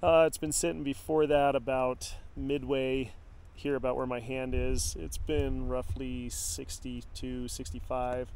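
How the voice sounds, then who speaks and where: In a small tent at night, a middle-aged man who vlogs about the outdoors tells stories in a relaxed, chatty manner. His voice sits at medium pitch and unfolds unhurriedly, with a slight background noise. The recording starts on a camera on a tripod and switches to a close phone at arm's length.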